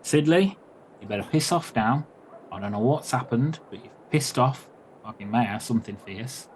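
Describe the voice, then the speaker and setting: A man's voice: medium pitch, expressive, moderate pace, darkish tone, a little hiss or hum, close to an everyday voice. A man voicing a blunt, angry middle-aged father who works at a cannery and swears at his son. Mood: scolding.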